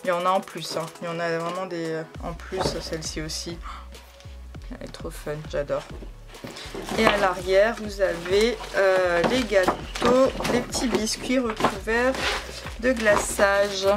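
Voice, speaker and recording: An enthusiastic woman unboxing craft supplies in a casual, gushing chat, full of hesitations and repeated praise. Her voice sits at a medium pitch. Music plays clearly behind her throughout. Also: fairly even intonation, unhurried. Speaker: scrapbooking vlogger. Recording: background music under the voice.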